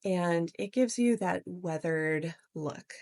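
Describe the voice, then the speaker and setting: Calm low-voiced woman narrating a painting tutorial. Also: slow pace, dry recording, clean studio sound. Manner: gentle, explanatory, step-by-step. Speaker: art tutorial host.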